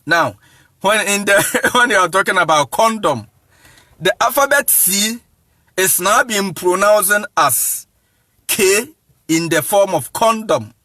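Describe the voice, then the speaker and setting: A man's voice: sits high, animated, bright, forceful tone, no room sound. A man with a Ghanaian accent, an evangelist giving a casual teaching talk to viewers. He switches between English and Akan, spells words out letter by letter and keeps checking that listeners follow. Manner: spells words out slowly, repeats "you see what I'm saying", chuckles often.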